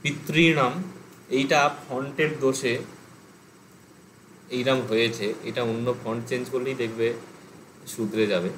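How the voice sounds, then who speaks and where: A man's voice: mid-range voice, steady tone, measured pace, long pauses, a bit bright, slight background noise, low-quality recording. A man teaching an online language class, explaining step by step, thinking aloud with fillers. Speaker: Pali teacher.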